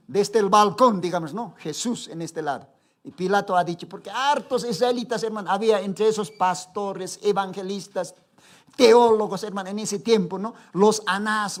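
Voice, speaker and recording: A man preaching a Sunday sermon as pastor, swinging between soft asides and loud exclamations and constantly calling the congregation his brothers. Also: high voice. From Bolivia.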